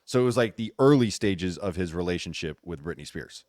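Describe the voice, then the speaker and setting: A man with a fairly low voice hosts a casual gossip show. He talks in an animated, teasing style and repeats phrases for emphasis. The sound is dry, with very little room in it. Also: a little fast, no room sound. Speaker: host. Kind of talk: casual gossip commentary chat.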